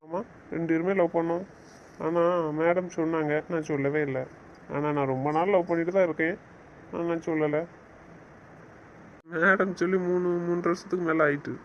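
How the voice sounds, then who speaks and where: A man's voice: fairly high pitch, fairly even intonation, normal speed, pauses often, muffled recording, slight background noise, lightly acted. A man playing a young newlywed husband who teases his wife and lectures her sternly in a romantic audio drama. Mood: teasing. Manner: teasing, then stern and scolding. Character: young husband, teasing yet bossy with his new wife.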